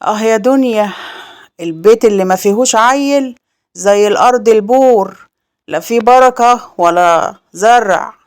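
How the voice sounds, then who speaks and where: A woman's voice: a little high, fast, a little mellow, close to an everyday voice. Woman playing a sighing Egyptian mother-in-law. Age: older. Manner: sighing, full of regret, cutting hints. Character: older village mother-in-law, reproachful and sighing.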